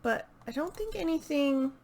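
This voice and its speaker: This video channel host has a high, expressive, slightly mellow voice at a moderate pace. Chatting unscripted about books to camera, she sounds hesitant and thinks aloud along the way.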